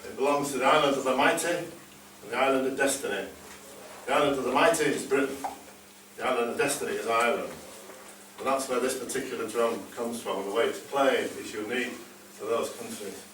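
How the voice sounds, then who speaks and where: Between pieces on a live stage in a large hall, a bodhrán drummer chats easily, with hesitant ums and dry humour. His voice is medium-pitched, brisk and a bit bright. The far mic catches an echoey hall and background noise.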